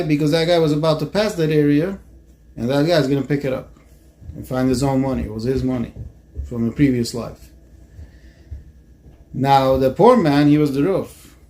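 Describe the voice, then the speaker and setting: A man's voice: medium pitch, mellow. A man, a rabbi, telling a story in a casual, conversational way. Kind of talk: storytelling lesson.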